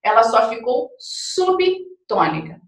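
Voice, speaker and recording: High-voiced Brazilian woman teaching slowly. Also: big pitch swings. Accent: Brazilian Portuguese. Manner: explains slowly with rhetorical questions and tag questions. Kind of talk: grammar lesson explanation. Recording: echoey room, from a distance.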